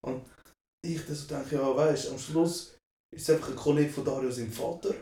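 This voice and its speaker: A young man with a Swiss German accent tells a story in slangy casual chat and keeps asking for agreement. His voice is mellow and slightly high, picked up from a distance in an echoey room. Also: steady tone, brisk. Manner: slangy, peppered with tag questions. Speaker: podcast co-host.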